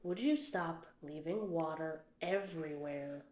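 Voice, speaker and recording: A woman playing a calm, low-voiced ghost-town caretaker. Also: unhurried. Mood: patient. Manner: mild, patient, gently dry hosting. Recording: roomy echo.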